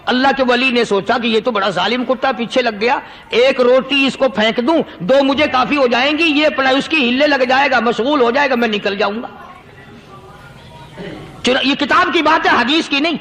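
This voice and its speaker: A man's voice: very high-pitched, vocal fry, a bit bright, rough recording. A man preaching a storytelling sermon, impassioned and repetitive, rising into dramatic emphasis.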